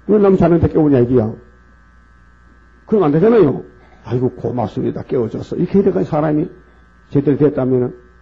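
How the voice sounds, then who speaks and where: A man preaching a heated sermon, acting out quoted voices and rising into shouts. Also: a little high. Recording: lo-fi with gravelly creak and mains hum.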